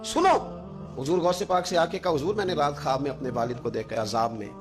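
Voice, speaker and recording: Male preacher, high voice, swings soft to loud, music playing underneath. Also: fairly even intonation, fast. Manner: swings between soft low asides and loud scolding. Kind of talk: emotional sermon storytelling.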